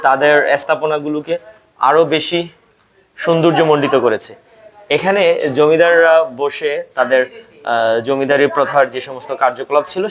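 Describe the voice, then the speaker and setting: A man from Bangladesh narrating a tour of a historic estate outdoors, speaking formally and pausing often on "ah" fillers. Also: fairly high pitch, a little hiss or hum. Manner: formal, with frequent hesitant "ah" fillers. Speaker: travel vlogger and tour guide.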